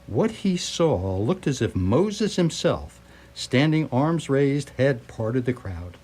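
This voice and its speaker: Taking his time, a man narrates a scripted story for live radio theatre in a wry, literary style. His medium-pitched voice is a little mellow and husky, with big swings in pitch.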